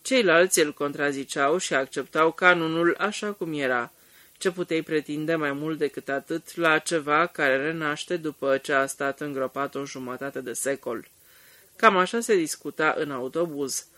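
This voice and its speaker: A man narrating an audiobook in a steady, measured reading. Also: a little high, dry recording. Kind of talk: scripted narration.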